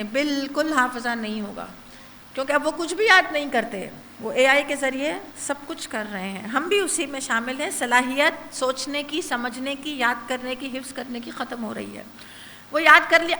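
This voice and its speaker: A woman's voice: sits high, sharp tone. A woman giving a religious lecture at a women's gathering, earnest and asking the listeners rhetorical questions. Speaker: zakira reciting at a women's majlis. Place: gathering hall. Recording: long hall reverb, faint noise.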